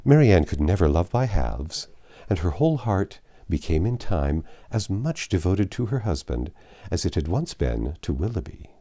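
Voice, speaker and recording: A man's voice that sits low carries an audiobook reading of a classic novel, his narration measured and expressive in its storytelling.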